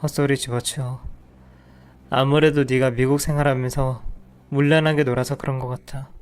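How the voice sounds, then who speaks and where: A man's voice: mid-range voice, little pitch movement, moderate pace, smooth, close to an everyday voice. A man voicing a harsh, dismissive husband who scorns his wife in a narrated audio drama. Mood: contemptuous. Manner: contemptuous, curt.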